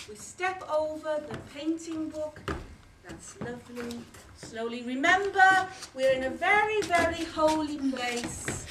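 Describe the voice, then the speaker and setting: An actress with a Welsh accent playing a fussy, doting schoolteacher who gushes in a sing-song way. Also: female voice, high-pitched. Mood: dreamy. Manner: sing-song, gushing "that's lovely". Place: theatre stage, dress rehearsal. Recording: roomy stage, far from mic, noisy.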